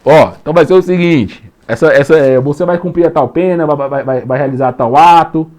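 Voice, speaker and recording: Brief: a man playing a stern courtroom judge, loud and scolding, raised voice. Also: on the high side, brisk, natural voice.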